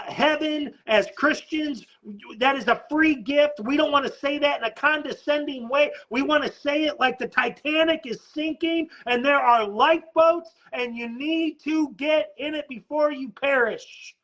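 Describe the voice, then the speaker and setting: A man with a strikingly high voice delivers an urgent, emphatic sermon as a pastor, stumbling over repeated words as he presses on. The recording sounds dull and lo-fi. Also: a little slow, a bit bright.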